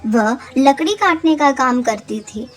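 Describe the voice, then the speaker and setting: Woman storyteller, cartoon fable narration, steady and plain, high voice. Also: measured pace.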